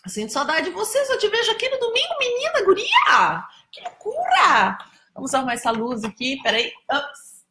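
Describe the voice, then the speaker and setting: A woman's voice: sits high, wildly swooping pitch, fast, pushed and bright, echoey room, slight background noise. A Brazilian woman hosting a casual live stream, chatty and teasing as she greets viewers by name. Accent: Brazilian Portuguese. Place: indoors, home in São Paulo.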